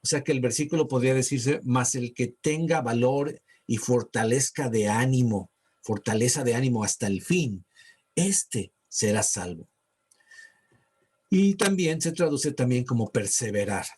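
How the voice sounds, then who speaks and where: A man giving a sermon as pastor, talking conversationally and slowing down when he reads verses aloud. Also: mid-range voice, expressive, a little mellow, slightly rough. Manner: conversational preaching, slows to read verses. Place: church.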